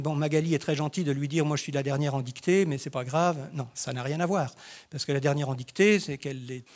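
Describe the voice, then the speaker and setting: A man giving a spoken lecture on teaching, reflective and full of hesitations and tag words. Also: fairly high pitch.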